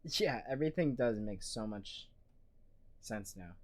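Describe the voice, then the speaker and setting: Slow-talking sarcastic male streamer. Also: fairly low pitch, expressive. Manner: dry, sarcastic, swears casually. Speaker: streamer reacting to a video. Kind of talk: casual live-stream commentary.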